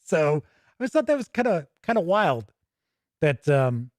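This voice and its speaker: In a slightly high, somewhat mellow voice with big pitch swings, a man unhurriedly leafs through a rulebook on his tabletop gaming show. He thinks aloud casually, drifting into side comments, on a dry, clean studio recording.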